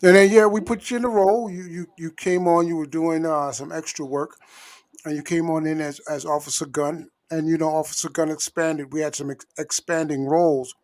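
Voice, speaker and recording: A man hosting a relaxed interview show, his voice sitting a little high. He backs his guest up often and builds his questions slowly, circling before he lands on them. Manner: affirming, asks long wandering questions. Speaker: talk show host. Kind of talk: casual interview chat.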